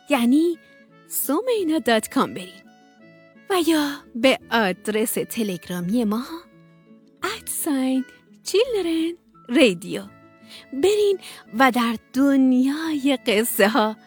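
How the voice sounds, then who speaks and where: A woman storyteller narrating a children's bedtime story on radio, gentle and expressive. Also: a little high, slightly rough.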